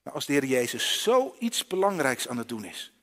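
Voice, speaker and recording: A man's voice: medium pitch, very animated, normal speed, a bit bright, big-room sound. A man preaching a children's sermon in a church, often asking the listeners direct questions.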